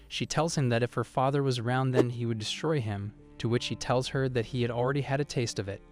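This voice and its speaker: Man narrating a recap over faint music. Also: medium pitch. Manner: steady reported-speech storytelling.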